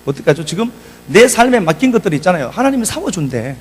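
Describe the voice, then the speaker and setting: A man's voice: sits high, sing-song, fast talker, husky, faint music behind, low-quality recording. A male pastor preaching a sermon in a church, reading scripture and breaking into casual, conversational asides.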